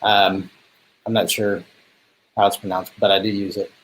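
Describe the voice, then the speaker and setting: A man's voice: on the low side, little pitch movement, normal speed, fairly bright tone, a little hiss or hum, rough recording. A man co-presenting a business webinar, talking casually and hesitantly with many ums and restarts.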